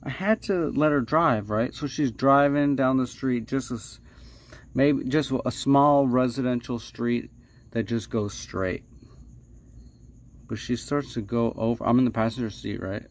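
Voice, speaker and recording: With a mid-range voice, a male livestream host rambles through casual spoken stories, hesitating and repeating himself. He plays it up dramatically, stretching words and slipping in hushed asides.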